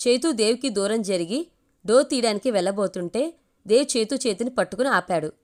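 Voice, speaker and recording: A woman storyteller reading a romantic family story aloud in a steady, even manner. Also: on the high side, a little fast.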